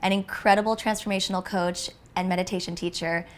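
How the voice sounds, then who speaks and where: A woman hosting an interview series, speaking affectionately with drawn-out phrasing. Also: fairly low pitch, fairly even intonation, slight background noise. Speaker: interview host.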